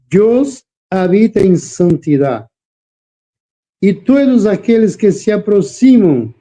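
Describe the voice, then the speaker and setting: Brazilian guy preaching as a guest, very soft dark tone, portuguese accent, careful halting learner spanish, takes his time. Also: sits high. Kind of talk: religious interview.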